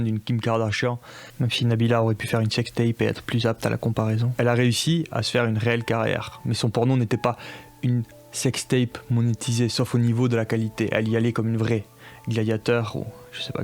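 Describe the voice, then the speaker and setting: A man delivers a scripted video-essay commentary in a deadpan, sardonic voice full of crude jokes. His pitch barely moves, and soft background music runs faintly under him.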